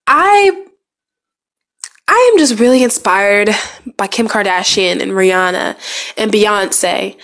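A young woman with a stuffy cold, giving a personal motivational talk in a halting way, full of fillers and restarts. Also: on the high side. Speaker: speaker sharing goals.

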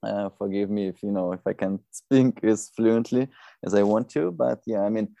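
A man in his thirties from Belarus with a Belarusian accent, a non-native English speaker chatting as a podcast guest in a halting, rambling way. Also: lowish voice, creaky, dark tone, no echo. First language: not English. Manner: halting, rambling, often saying "you know". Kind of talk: casual conversational interview.

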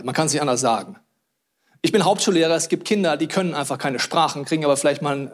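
Brief: middle-aged male preacher, high-pitched, animated sermon delivery swinging from hushed to loud. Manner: animated storytelling with sudden loud outbursts and hushed asides.

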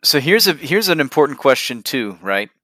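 Eager guy on a gaming podcast, bright tense voice, dry close mic. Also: mid-range voice, sing-song, normal speed, no room sound. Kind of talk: casual gaming podcast chat.

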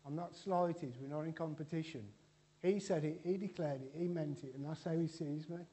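A man delivers a loose, conversational sermon, joking with the congregation and stumbling through restarts. His voice sits a little high for a man but sounds mellow and warm. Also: normal speed. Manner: chatty and joking, with frequent restarts. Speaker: preacher. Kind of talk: informal church sermon.

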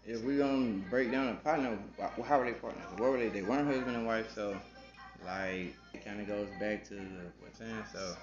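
A man's voice: on the low side, fairly quick, music in the background. Southern US man in a roomy, dull recording. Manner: loose and playful, repeats words, slangy. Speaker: podcast co-host. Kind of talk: casual chat. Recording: roomy, slightly dull podcast audio.

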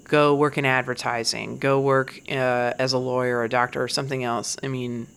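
A woman's voice: very deep voice, little pitch movement, a little fast, creaky, clean tone. Candid, profane woman comedian. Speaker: stand-up comedian. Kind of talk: casual monologue.

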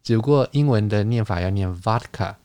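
A man with a fairly low voice talks through ideas at an easy, teacherly pace, pausing on fillers and correcting himself mid-word. The sound is dry and close, with no room around it. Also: warm tone, clear, resonant tone, dry recording. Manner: explanatory, lecturing with fillers and restarts. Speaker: podcast host, wine lecturer. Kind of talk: casual conversational podcast.

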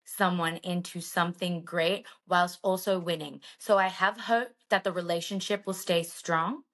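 A young woman in her twenties co-hosting a podcast, chatting in a gushing, animated way and acting out her own reactions. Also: fairly low pitch, normal speed. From Australia. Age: 20s. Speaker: podcast co-host. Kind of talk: casual chat.

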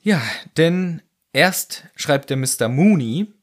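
A man's voice: fairly high pitch, animated, slow. A man co-hosting a casual podcast, joking, laughing often and acting out quotes. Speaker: podcast co-host. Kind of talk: casual book discussion.

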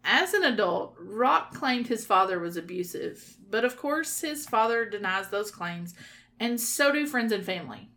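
A woman's voice: mid-range voice, lively intonation, measured pace, bright, forceful tone. A woman with a Southern Kentucky accent, co-hosting a casual true-crime podcast, reading her notes aloud and laughing at her own stumbles. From Kentucky, USA. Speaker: podcast co-host.

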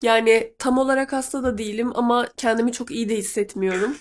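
A Turkish woman hosts casually, chatting with her listeners and translating a clip aloud while sick with a cold that leaves her voice nasal and congested. Her pitch sits on the high side, her intonation stays fairly even, and she talks quickly.

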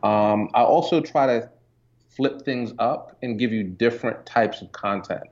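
An unhurried Jamaican man with a medium-pitched voice, a guest entrepreneur and photographer, talks casually in an interview, relaxed and peppered with fillers. The audio has a dull, lo-fi quality.

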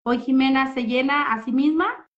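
A guest speaker, a woman with a high-pitched voice, talks at a normal speed as she offers an emotional account of her own therapy. She is expressive and frequently adds tag questions, and the recording sounds muffled and lo-fi.

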